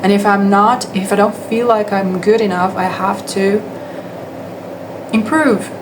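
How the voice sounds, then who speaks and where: Here a young Brazilian woman who teaches English talks in a steady, medium-pitched voice, a little slowly, with noise behind her. Portuguese is her first language, and her English carries a Brazilian accent. She keeps stopping to restart and leans on fillers throughout the casual monologue.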